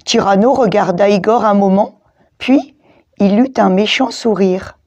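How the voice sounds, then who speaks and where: A woman reading a children's picture book aloud, in a slow, expressive storytelling manner. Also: mid-range voice, highs cut off. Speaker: storybook reader.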